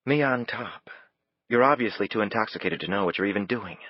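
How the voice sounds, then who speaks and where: A man voicing a calm, blunt young woman who speaks softly with a reproachful edge. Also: on the low side, fairly quick, breathy edge, no room sound, muffled recording, pitched above the performer's own voice. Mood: quiet, firm.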